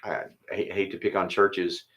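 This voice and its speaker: Low-voiced easygoing pastor, man. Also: level tone, normal speed, a bit bright, muffled recording. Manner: easygoing, thinks aloud, chuckles between thoughts. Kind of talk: casual chat and spoken prayer.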